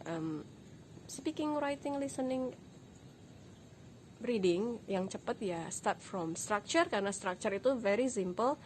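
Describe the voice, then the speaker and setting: A woman's voice: medium pitch, a little hiss or hum. A woman from Indonesia giving a casual video lesson on English, chatty and joking, dropping English words into her talk. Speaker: English tutor.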